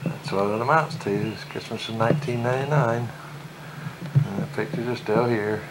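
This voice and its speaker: A man narrating a family home video from behind the camcorder, chatty and relaxed, recorded on an old VHS tape. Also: mid-range voice, normal speed, heavy background noise. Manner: relaxed, chatty, mumbling asides. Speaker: home video camera operator. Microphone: camcorder built-in mic.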